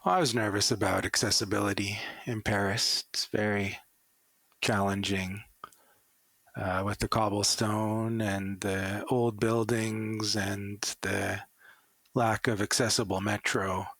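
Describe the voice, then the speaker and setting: A man's voice: on the low side, little pitch movement, measured pace, fairly bright tone, no room sound. A man with a Canadian accent, a former Paralympic athlete, answering interview questions with enthusiastic stories. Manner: enthusiastic storytelling.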